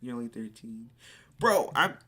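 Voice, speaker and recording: A teen in their late teens chats on a live stream, reading viewers' questions out and answering in excitable spurts. The voice is medium in pitch and normal in speed.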